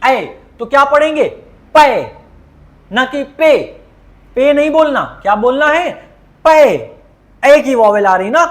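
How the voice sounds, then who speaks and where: A man teaches at an unhurried, deliberate pace. He repeats each sound and spelling several times and keeps asking his class to answer back. His tone stays patient and methodical throughout. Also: very high-pitched. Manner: slow, repetitive drilling with frequent questions to students. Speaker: shorthand teacher. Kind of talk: classroom lesson.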